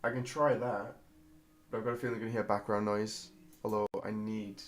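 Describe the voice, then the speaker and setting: Low-voiced man streaming his coding. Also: level tone, fairly quick. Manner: self-deprecating, muttering to himself while working. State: slightly losing his voice. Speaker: game developer streamer. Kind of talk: live-streamed coding, thinking aloud. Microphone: desk microphone at a computer.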